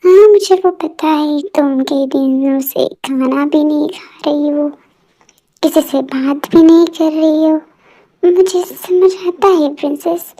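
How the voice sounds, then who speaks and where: A caring mother in a homemade audio story coaxes and soothes, as a woman puts her on. The voice is very high, slow and mellow. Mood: coaxing. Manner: coaxing, affectionate.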